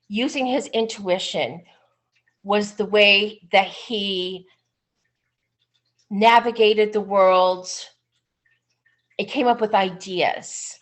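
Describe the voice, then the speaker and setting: A woman who is a psychic medium giving a webinar talk over a video call, chatty with lots of "um"s. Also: mid-range voice. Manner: unhurried, chatty, frequent "um"s, warm enthusiasm. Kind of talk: webinar presentation. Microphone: computer mic on a video call.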